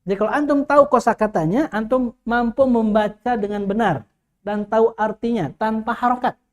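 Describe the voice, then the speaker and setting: A man's voice: sits high, a little fast. A male teacher leads an Arabic grammar lesson. He quizzes his students constantly with short questions and repeats the key words until they stick.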